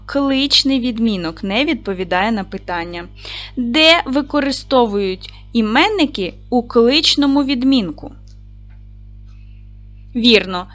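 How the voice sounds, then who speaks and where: Woman teacher, animated and encouraging, clear classroom delivery, faint music under the voice. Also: fairly high pitch. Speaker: primary school teacher. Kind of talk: recorded video lesson for children.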